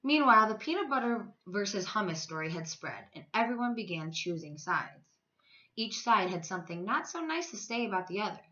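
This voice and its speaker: Like a teacher with her pupils, a woman reads a children's storybook aloud at a fairly quick pace. Her bright voice is very lively in pitch, and she emphasizes and stretches her words. The recording sounds a little dull and lo-fi.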